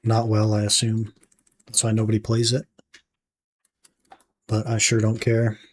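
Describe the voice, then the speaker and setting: A young man streams a game and muses to his chat in a relaxed way, his voice a little raspy from talking, on the low side and measured in pace. Keyboard typing sounds in the background of this casual livestream chat.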